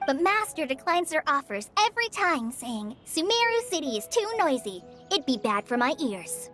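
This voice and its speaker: A woman's voice: high-pitched, very animated, normal speed. A woman voicing a shy, eager young ranger trainee who stammers and hesitates nervously. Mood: chatty. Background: game music.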